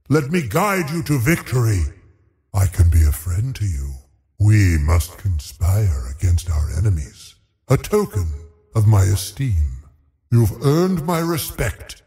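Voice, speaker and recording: A man voicing a cold, haughty undead lich sorcerer in a video game, speaking in a menacing, theatrical, deliberate way as he savors his cruelty. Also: fairly low pitch, big pitch swings, vocal fry, warm tone, big-room sound, exaggerated voice. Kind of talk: video game villain voice lines.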